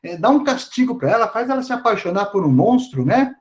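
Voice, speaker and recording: A man's voice: high voice, big pitch swings, brisk, reverberant, dull audio, voice pushed up. A man voicing the goddess Aphrodite as a bossy, vindictive woman who complains in casual slang. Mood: indignant.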